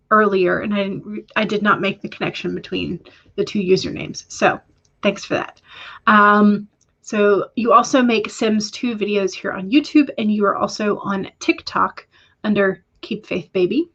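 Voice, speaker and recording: A woman's voice: medium pitch, a bit bright, highs cut off. Chatty woman hosting a writing stream. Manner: chatty, with filler ums and self-corrections. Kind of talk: casual livestream chat reading viewer comments.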